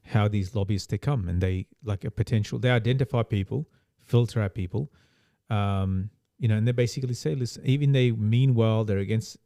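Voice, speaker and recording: Casting: man, lowish mellow voice, rambling co-host chat, dry close sound. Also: no room sound. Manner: rambling, many restarts and quick agreement. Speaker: podcast co-host. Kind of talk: casual chat.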